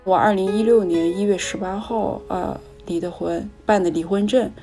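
A woman recounting her own life in a candid, reflective way, her mid-pitched voice carrying a gravelly edge. She speaks with feeling as she looks back, and soft music sits faintly behind her. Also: steady tone, normal speed. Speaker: storyteller. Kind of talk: personal storytelling.

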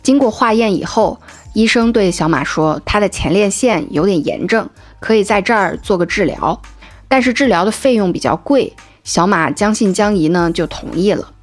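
A woman podcast host giving a calm, measured scripted narration. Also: mid-range voice, faint music behind.

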